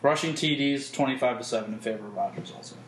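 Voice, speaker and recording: A man co-hosting a casual podcast, listing sports numbers in a flat, deadpan way. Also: medium pitch, fast talker. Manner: reads stats in a deadpan list. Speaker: podcast co-host. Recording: echoey room with faint background noise.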